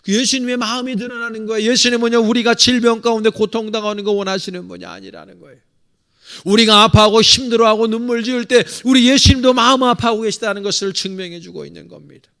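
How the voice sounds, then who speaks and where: A middle-aged male pastor from South Korea delivers a sermon in a church sanctuary. His voice sits high for a man. He swings between ringing exhortation and sudden hushed asides, and he keeps calling out to the congregation. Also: fairly even intonation, fast talker, creaky. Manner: repeatedly addresses the congregation directly.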